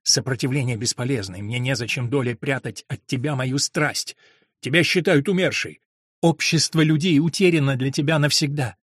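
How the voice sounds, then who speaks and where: A man reading a novel aloud, voicing a domineering, lustful monk who speaks slowly and coaxingly. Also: breathy edge, no room sound, clean studio sound, natural voice. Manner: low, slow and coaxing.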